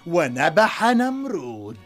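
A woman narrating a children's story in an expressive, dramatic way. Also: fairly low pitch, slow pace, over music.

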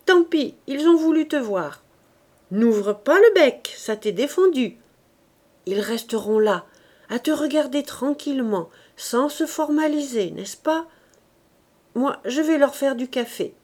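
A woman reading aloud, voicing a boisterous working-class roofer husband who teases loudly. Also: sits high, lively intonation, measured pace, voice pushed up. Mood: bossy. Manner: loud, teasing, bantering.

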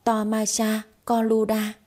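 A woman reading a story, voicing a sharp-tongued young wife who fakes exorcism chants in mock gibberish. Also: mid-range voice, moderate pace, slightly rough, natural voice. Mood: mock chanting. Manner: brash, mocking, gibberish chanting.

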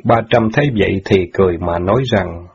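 Husky low-voiced male narrator. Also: brisk, a little mellow. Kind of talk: audiobook narration. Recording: dull lo-fi audio.

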